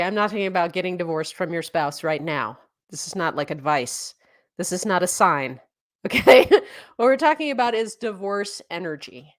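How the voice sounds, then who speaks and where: A woman's voice: fairly low pitch, smooth. A woman co-hosting a podcast and telling a personal story in a casual way, laughing and acting out quoted dialogue. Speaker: podcast co-host; energy worker.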